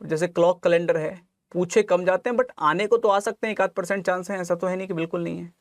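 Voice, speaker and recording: A man's voice: high-pitched, fairly even intonation, quick pace, dry recording. A man teaching exam reasoning online, working through calculations step by step and fondly calling students lalla and mere lal, mixing English terms into his talk. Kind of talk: online exam coaching lesson.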